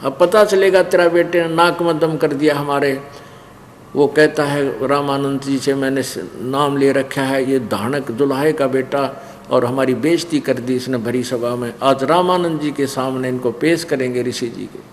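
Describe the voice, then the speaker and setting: Angry shouting priests, a preacher doing them. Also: male voice, medium pitch, fairly even intonation, moderate pace, natural voice. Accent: Haryanvi. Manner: loud and raised. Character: angry mob of priests, men. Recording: long hall reverb, faint noise.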